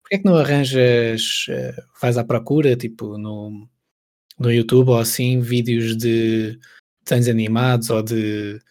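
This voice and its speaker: A man's voice: mid-range voice, fairly even intonation, a little slow, darkish tone. A young man with a European Portuguese accent co-hosting a podcast, chatting in slangy, advice-giving banter. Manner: chatty, advising, slangy with bué and puto. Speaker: podcast co-host. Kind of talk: casual podcast chat.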